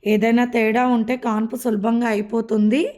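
A woman's voice: on the high side, little pitch movement, normal speed, warm tone, close to an everyday voice. A woman reading a storybook voices a caring older sister who reassures her frightened younger brother. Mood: soothing.

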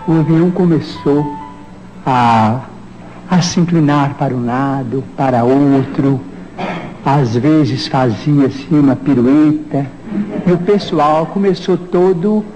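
A man telling an animated personal anecdote and voicing the people in it, from an old archival recording. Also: on the high side, dull audio. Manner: animated anecdote with voiced quotes. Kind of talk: storytelling. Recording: noisy old archive recording with long hall reverb.

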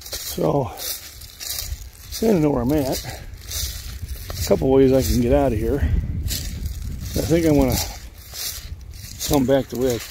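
An older man walking through woods, rambling in a relaxed way to a phone at arm's length. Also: medium pitch, slow, gravelly, pauses often, noisy background. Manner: rambling, relaxed, thinking aloud while hiking. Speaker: vlogger. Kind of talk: casual walking vlog. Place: outdoors in woods. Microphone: phone held at arm's length while walking.

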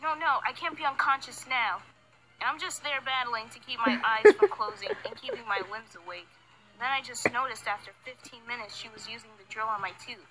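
A young woman telling a story in a casual, animated scripted narration, in a youthful voice. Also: a little high, a little fast, soft background music. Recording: noisy screen-recorded playback.

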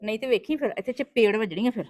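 A woman's voice: fairly high pitch, a little mellow, no room sound, studio quality, natural voice. A woman playing a strict but loving mother who scolds and coaxes her daughters in a family drama. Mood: scolding. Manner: quick, scolding, then coaxing. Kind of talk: homemade family drama acting.

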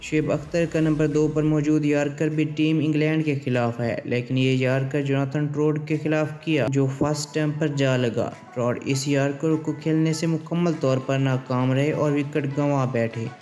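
A man reading a scripted sports countdown voice-over in a steady, formal delivery. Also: fairly high pitch, moderate pace, few pauses. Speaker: channel narrator. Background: faint background music.

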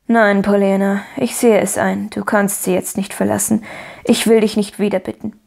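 A woman voicing a lonely, gruff older gentleman who speaks firmly. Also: mid-range voice, flat delivery, moderate pace. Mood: stern.

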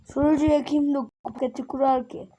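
A woman giving casual, slangy commentary while playing a game; she is a bit sick and her voice sounds rough. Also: high-pitched, little pitch movement, fairly quick, dark tone, muffled recording, a little hiss or hum. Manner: chatty, self-conscious, slangy. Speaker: gaming channel host.

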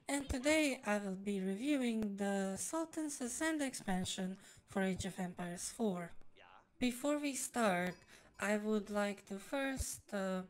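Heard through a voice changer, a woman who streams and reviews videos gives a rambling personal game review in formal, wordy language. Her voice is mid-range with a somewhat dark tone, and the audio quality is poor.

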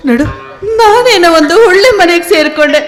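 An actress playing a gentle, tearful new bride and elder sister in a stage play. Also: female voice, extremely high pitch, animated, fairly quick. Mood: tender. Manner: soft, tearful. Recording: live stage with music.

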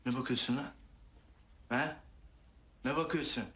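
A taunting hostile sailor. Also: male voice, mid-range voice, fairly even intonation, unhurried, pushed and bright. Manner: taunting, confrontational.

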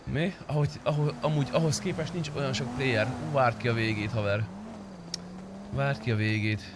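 A young man streams a roleplay game from an indoor room with a streaming setup, chatting casually with crude, teasing banter and lots of swearing. His voice is medium-pitched with fairly even intonation, over a noisy background.

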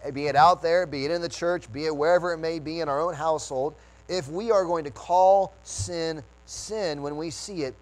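Earnest preaching man, somewhat high voice. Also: rough recording. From United States. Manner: earnest, restarts phrases while preaching. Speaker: pastor. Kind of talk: sermon.

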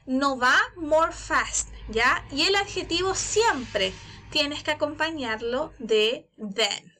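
A woman's voice: high voice, expressive, bright, forceful tone, a little hiss or hum. A woman with a Chilean Spanish accent teaching an English grammar lesson in a recorded online class, explaining step by step and checking in with her students often. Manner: explains slowly, checks in with "¿ya?" and "¿cierto?".

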